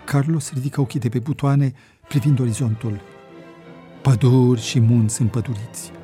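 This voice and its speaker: A man narrating an adventure story in a measured, dramatic audiobook reading. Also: medium pitch, fairly even intonation, mellow, faint music behind.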